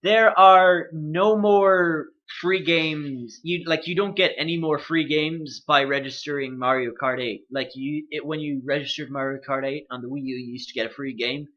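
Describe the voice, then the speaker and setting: A man's voice: steady tone, moderate pace, few pauses, a bit bright. A young man co-hosting a casual gaming podcast, rambling with lots of fillers. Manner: rambling, lots of "like", jumps up and down in pitch. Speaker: podcast co-host. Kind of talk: casual chat. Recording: echoey room, muffled lo-fi mic.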